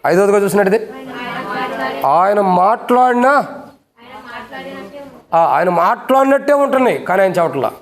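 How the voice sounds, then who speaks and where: A man's voice: high voice, expressive, a little slow, pauses often. A man preaching a fervent sermon as pastor at a church service. He hammers the congregation with repeated rhetorical questions and stern warnings. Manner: scolding, warning tone.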